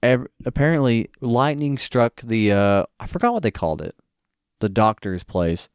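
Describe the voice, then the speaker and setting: A man's voice: mid-range voice, lively intonation, normal speed, clean tone, no echo, studio quality. A man co-hosting a podcast in casual chat, retelling a film's scenes with lots of fillers and acted-out quotes. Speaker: podcast co-host.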